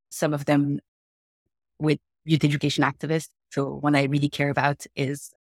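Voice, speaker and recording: A woman's voice: low voice, no room sound, clean studio sound. A woman in her thirties from Morocco, a podcast guest telling her story in an earnest, thoughtful way with small laughs. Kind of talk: reflective conversational interview.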